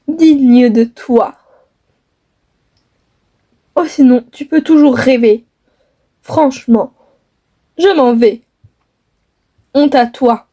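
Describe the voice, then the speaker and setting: Woman doing a shrill snobbish mother. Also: mellow. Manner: shrill, indignant scolding. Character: snobbish bossy mother, scornful of the poor. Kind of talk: homemade family skit.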